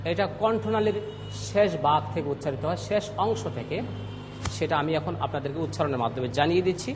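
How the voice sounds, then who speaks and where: A man teaching Arabic letter pronunciation on a TV lesson, speaking slowly and repeating each sound loudly for students. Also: fairly high pitch, long reverb tail, music in the background. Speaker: Quran recitation teacher. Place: TV studio.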